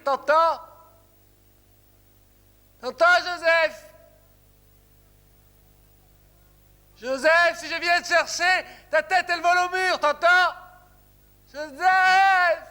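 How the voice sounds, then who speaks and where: An actor performing a theatre monologue as a bitter, obsessive lonely man, mocking, explosive and swinging between sneers and shouts. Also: very high-pitched, roomy sound, big-room sound, full character voice. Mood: shouting. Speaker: stage actor. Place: theatre stage.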